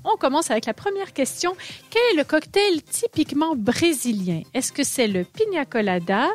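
A woman's voice: high-pitched, animated, moderate pace. A woman radio columnist running a cocktail quiz in casual chat, explaining at length and laughing easily.

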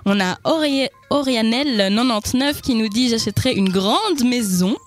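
A woman hosting a casual radio show, reading out listener messages in a lively, laughing manner. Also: on the high side, normal speed, soft background music.

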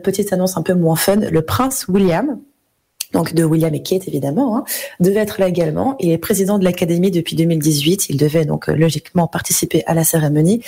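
Chroniqueuse radio bavarde à la voix rauque. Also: female voice, fairly low pitch, gravelly, a little mellow, slightly rough. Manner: chatty, self-correcting, apologizes for her English accent. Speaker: radio entertainment columnist. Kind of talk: radio celebrity news segment.

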